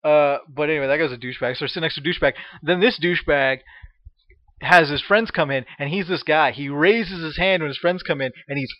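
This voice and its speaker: Man ranting with profane animated energy. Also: fairly high pitch, fast. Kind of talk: casual comedic storytelling. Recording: dull, dry lo-fi sound.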